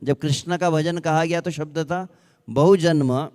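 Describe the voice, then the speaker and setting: A man preaching at an unhurried pace, his voice fairly high and smooth. He keeps asking his listeners questions and sometimes draws out verses in a slow chant. His words ring with the long reverb of a large hall. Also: fairly even intonation, darkish tone. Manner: asks rhetorical questions. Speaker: ISKCON speaker. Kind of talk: Hindi devotional discourse.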